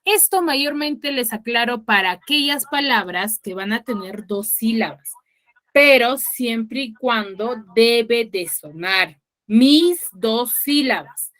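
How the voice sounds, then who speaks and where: Woman teacher quizzing pupils online; bright, clear voice, unhurried delivery. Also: on the high side, animated. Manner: quizzing students, explains patiently. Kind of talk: online class instruction. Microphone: video call.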